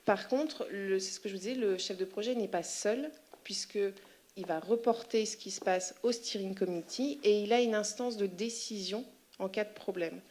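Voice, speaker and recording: A woman's voice: mid-range voice, moderate pace, a little mellow. Woman presenting at a conference. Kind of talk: explanatory presentation with questions and answers.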